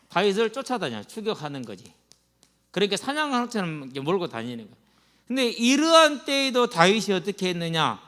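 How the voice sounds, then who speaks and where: A man's voice: high voice, fairly bright tone, in a large hall. A man, a pastor preaching to students in a colloquial storytelling way, full of acted quotes and slang. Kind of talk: sermon to students. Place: church sanctuary.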